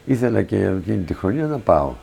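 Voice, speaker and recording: A man's voice: on the low side, very animated, gravelly, mellow. A middle-aged man from Greece telling a first-person story from his past in a plain, vivid way, quoting the people involved. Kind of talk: spoken first-person recollection.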